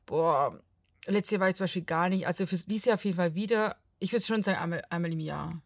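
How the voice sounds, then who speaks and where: A young woman from Portugal, a talkative and lively podcast guest chatting casually and laughing often. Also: lowish voice, fast talker, dry recording, studio quality. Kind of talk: casual chat.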